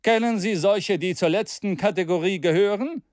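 A man reading aloud and voicing a gaunt male skeptic with a strong, grave voice, speaking in a clear, firm tone. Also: high-pitched, moderate pace, a little mellow, dry recording, studio quality, voice pushed up, close to an everyday voice. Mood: challenging. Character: gaunt, stern male skeptic, cool and challenging.

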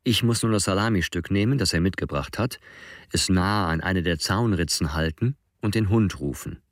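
A man narrating a first-person story in a measured audiobook reading. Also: low-pitched, dry recording, clean studio sound.

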